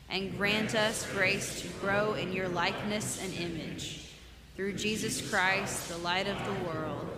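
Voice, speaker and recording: A woman minister leading solemn congregational prayer in measured phrases, her voice carrying a cathedral-like echo in a large church. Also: mid-range voice. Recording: cathedral-like echo, long hall reverb, background noise.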